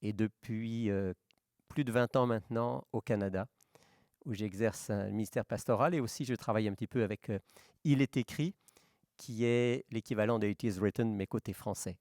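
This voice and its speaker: A man, a pastor from France, calmly introducing himself with some hesitation. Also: on the low side, normal speed, no room sound, clean studio sound. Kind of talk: introducing himself on a talk show.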